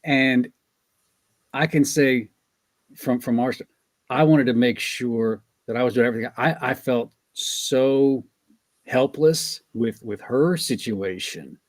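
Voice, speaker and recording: A man hosts an interview in a gentle, supportive manner, hesitating as he speaks. His voice sounds dry and close, with no room echo. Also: medium pitch, slow pace. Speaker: interviewer host. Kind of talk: casual interview chat.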